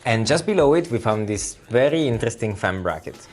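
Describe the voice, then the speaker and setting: A man's voice: fairly low pitch, expressive, a little fast, a little hiss or hum. Italian-accented man walking through a product. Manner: friendly, addresses viewers as guys, explains step by step. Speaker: product presenter. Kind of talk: casual product walkthrough.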